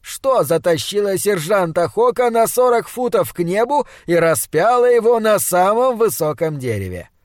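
Guy doing a high-pitched old austrian professor, all sarcasm and theatrics, dry sound. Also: big pitch swings, normal speed, few pauses, a little mellow, no room sound. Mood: indignant. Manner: sarcastic, theatrical cross-examining.

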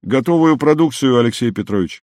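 A man voicing a calm, dutiful young rover driver who speaks matter-of-factly, in a storybook reading. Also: mid-range voice, a little fast, no room sound, studio quality, pitched above the performer's own voice, natural voice. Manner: matter-of-fact, slightly apologetic.

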